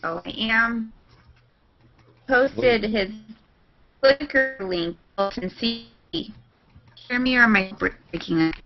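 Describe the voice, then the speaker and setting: A woman chatting casually over a video call whose audio keeps breaking up and glitching. She speaks in halting phrases. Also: a little high. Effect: choppy, breaking-up internet call audio. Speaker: call-in participant. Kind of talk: casual chat. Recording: dull lo-fi call line, faint music.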